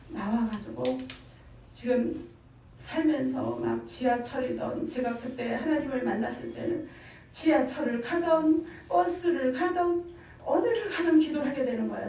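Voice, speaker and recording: A middle-aged woman with a high, mellow voice gives a fervent church testimony, pressing her points and repeating phrases. She stands well back from the mic, and her voice rings through a very echoey church hall. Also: slight background noise. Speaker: testimony speaker. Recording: very echoey room, far from mic.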